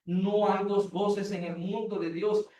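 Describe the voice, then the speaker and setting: Brief: high-pitched male pastor, emphatic repetitive preaching, recorded from afar in a church. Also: steady tone, slow pace, warm tone, a little hiss or hum. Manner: emphatic preaching with repeated phrases. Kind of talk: sermon. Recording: echoey hall, mic far off.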